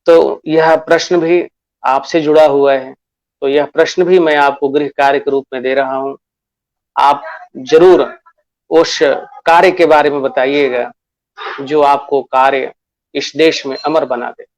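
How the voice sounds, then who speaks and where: Slow, deliberate male teacher. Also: a little high, fairly even intonation. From Bihar, India. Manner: slow and deliberate, addresses pupils as children; repeats key phrases and asks questions to himself. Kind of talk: classroom lesson.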